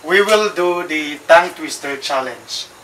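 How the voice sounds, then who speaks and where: A man's voice: on the high side, measured pace, sharp tone. A man in his twenties with a Filipino accent, casually hosting a challenge vlog. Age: 20s. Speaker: vlog host. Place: ship cabins and corridors. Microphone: camera a few feet away. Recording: echoey, distant camera mic, background noise.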